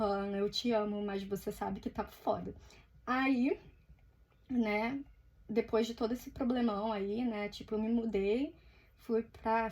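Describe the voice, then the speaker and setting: A woman's voice: on the high side, darkish tone. A Brazilian woman with a Brazilian Portuguese accent who tells her story in a chatty, casual way while she draws. She swears now and then and acts out the lines she quotes. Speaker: artist vlogger.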